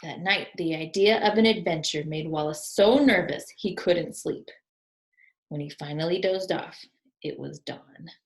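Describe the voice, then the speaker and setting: This low-voiced woman takes a teacher's role as she reads a children's storybook, deliberate and expressive, pausing to explain and to question those listening. Her voice echoes in a roomy-sounding space.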